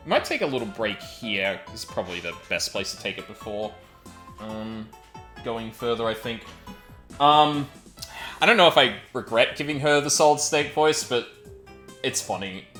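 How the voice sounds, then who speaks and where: A man's voice: mid-range voice, animated, a little slow, bright, forceful tone, faint music behind. A man hosting a game playthrough, chatting casually between scenes. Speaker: gameplay host and voice performer.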